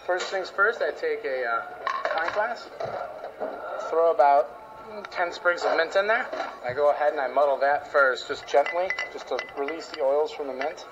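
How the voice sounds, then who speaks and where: A man's voice: a little high, normal speed. A man working as a bartender, casually talking through steps as he works. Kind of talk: casual step-by-step demonstration. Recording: noisy bar with clinking, dull audio.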